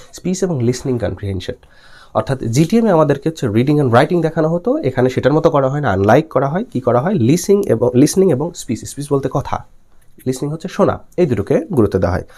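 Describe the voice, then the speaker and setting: Male teacher, young adult, from Bangladesh, lively pitch, recorded lecture, slow readings of English lines, answers his own questions. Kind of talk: recorded exam-prep lecture.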